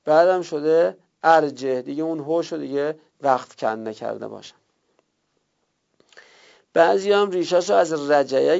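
A man teaching a class step by step, drawing out key terms slowly and checking his students' notes, heard on a dull lo-fi recording. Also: medium pitch, gravelly, darkish tone. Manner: slow drawn-out repetition of terms. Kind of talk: classroom lesson on Arabic word roots.

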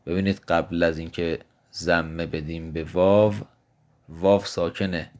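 Male grammar teacher, very low voice, patient and methodical, poses questions then answers them. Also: fairly even intonation. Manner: patient, explanatory, asks and answers his own questions; slows down to spell out example words. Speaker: teacher of Arabic morphology. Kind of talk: recorded grammar lesson.

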